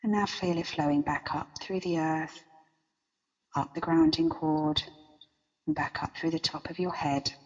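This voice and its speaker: A woman leading a guided meditation as a guide, with a slow, soothing countdown delivery. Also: fairly low pitch, vocal fry, a little mellow, big-room sound, muffled recording. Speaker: meditation guide and interview guest.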